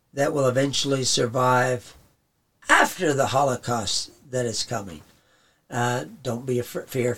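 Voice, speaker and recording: A man preaching in a rambling, conversational way with chuckles, his voice going hoarse. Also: mid-range voice. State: losing his voice. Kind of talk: radio sermon talk.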